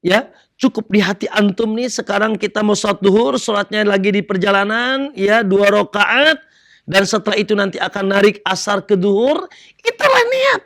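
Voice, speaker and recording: A middle-aged man giving a religious lecture, animated, quizzing his audience and acting out little dialogues. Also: sits high, normal speed, creaky. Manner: animated, asks the audience questions and acts out dialogues. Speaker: Islamic preacher.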